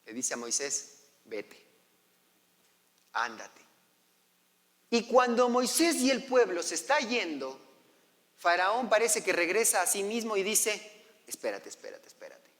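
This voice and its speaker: A man's voice: sits high, lively intonation, unhurried, a bit bright. A man preaching a sermon as pastor, telling the story and acting out the voices of its characters. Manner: storytelling, acting out quoted voices, asking the congregation. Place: church hall. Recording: long church hall reverb.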